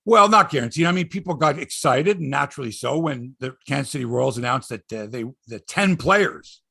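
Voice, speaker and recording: A man's voice: medium pitch, animated, a little fast, creaky, bright, forceful tone, slightly rough. A man hosting a sports talk show, ranting emphatically with exasperated repeats, rhetorical questions and salty language. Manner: salty, profane. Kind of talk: opinionated sports talk rant.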